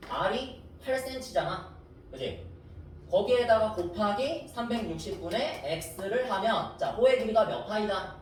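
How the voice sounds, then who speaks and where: A man's voice: high-pitched, animated, a little slow. A man teaching a middle-school math class, talking the students through steps and checking they follow with short questions. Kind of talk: whiteboard math lesson. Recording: roomy, distant mic, faint noise.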